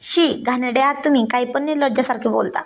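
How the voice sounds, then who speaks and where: A woman's voice: high-pitched, quick pace, gravelly. Woman voicing a shy, playful young wife. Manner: bashful and teasing.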